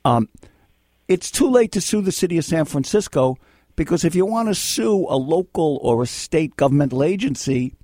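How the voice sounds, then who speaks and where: An American man with a fairly high, highly animated voice hosts a call-in radio show. He is blunt and exasperated, drilling his advice home by repetition. The sound is dry and close. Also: moderate pace, no echo. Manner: blunt, exasperated, scolding, repeats himself. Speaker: radio host and lawyer giving call-in legal advice. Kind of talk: live talk radio advice. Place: radio studio.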